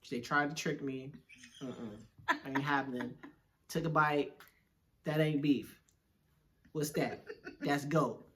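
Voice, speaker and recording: A young man from Washington, D.C., co-hosting a casual couples chat, telling stories in an animated, slangy, joking way. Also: on the high side, slow, pauses often, slight background noise. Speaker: co-host.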